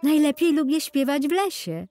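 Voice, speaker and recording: Woman doing a sweet little storybook nightingale bird, high and polite, soft music under it. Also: very animated, moderate pace. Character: gentle small female nightingale bird.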